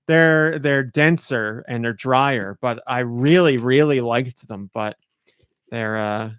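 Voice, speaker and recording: Male podcast host, average pitch, loose rambling chat between bites. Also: slow, a bit bright, smooth. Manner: talks while eating candy, rambling. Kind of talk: casual chat.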